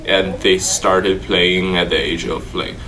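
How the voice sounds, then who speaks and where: A young man from China, a college student, explaining things in a measured, casual way. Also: sits low, level tone, sharp tone. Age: young adult. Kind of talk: casual interview.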